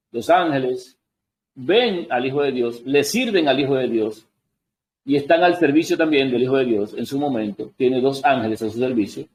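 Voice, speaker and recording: A man's voice: mid-range voice, darkish tone, rough recording. A man giving a Bible study lesson, reading verses aloud and answering his own questions. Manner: adjusts on-screen text while talking. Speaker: Bible teacher.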